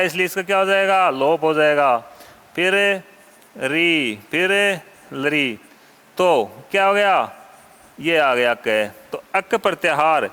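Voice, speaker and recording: High, bright-voiced man teaching Sanskrit grammar. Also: clean tone, long reverb tail. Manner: asks questions and answers them himself; repeats key terms slowly and deliberately. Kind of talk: classroom lecture.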